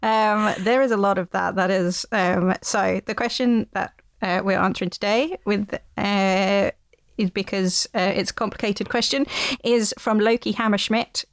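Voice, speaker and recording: A woman hosting a history podcast, talking with relaxed enthusiasm. Her voice has a slight gravelly fry. She sounds close and dry on the mic, with no room around her. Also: mid-range voice, a little slow, dry recording. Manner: chatty, enthusiastic, many fillers. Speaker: podcast co-host. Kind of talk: casual chat.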